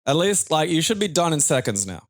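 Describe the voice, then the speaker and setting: A man chatting casually over a video game, rambling and halting as he goes. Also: on the high side, sing-song, no room sound, clean studio sound. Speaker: gaming commentator. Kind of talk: casual gaming banter.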